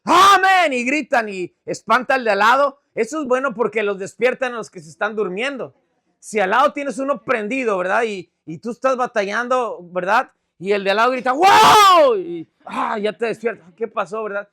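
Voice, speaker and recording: A pastor preaching with a strikingly high voice, animated and conversational, checking in with his listeners. His tone is bright and forceful. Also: fairly quick. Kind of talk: sermon.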